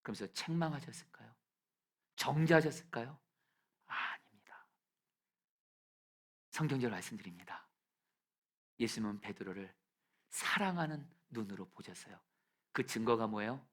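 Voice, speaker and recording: A man preaching a sermon in a church sanctuary, with a voice of ordinary pitch for a man. He drops to hushed, near-whispered lines, then climbs to loud, shouted peaks. Every so often he calls the congregation to read scripture aloud with him. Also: lively intonation, a little fast, pauses often. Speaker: pastor.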